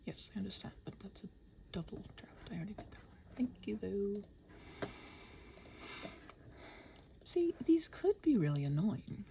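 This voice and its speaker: This channel host murmurs to herself as she works, her medium-pitched, creaky voice swinging widely in pitch at a measured pace with long pauses. It's a scattered, body-doubling ASMR ramble that keeps slipping into whispers, and she jokingly chats with her computer and acts out imagined conversations.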